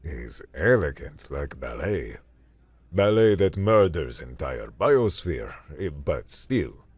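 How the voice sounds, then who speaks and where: A man's voice: extremely low pitch, very animated, slow pace, darkish tone, slightly rough, no echo, full character voice. A man voicing a gleeful male demolitions expert with a thick Russian accent in an audiobook story.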